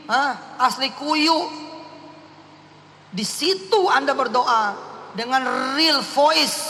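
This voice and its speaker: A man's voice: extremely high pitch, sharp tone. A male preacher, giving a playful, teasing sermon in slang, recorded in a hall. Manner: playful, teasing, mixes slang and Quran recitation. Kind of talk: joking sermon. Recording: echoey hall, faint hiss.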